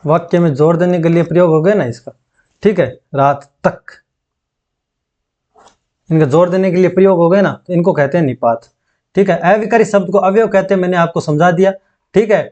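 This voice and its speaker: A man teaching an exam-prep grammar lesson, dictating slowly and repeating phrases so students can take notes, often checking in with them. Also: high voice, darkish tone, dull audio.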